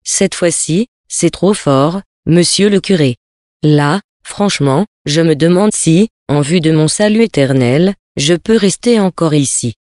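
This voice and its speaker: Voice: medium pitch, unhurried, darkish tone, no echo, studio quality, lightly acted. A cheeky young chambermaid, as a reader puts her on. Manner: brazen, gossipy.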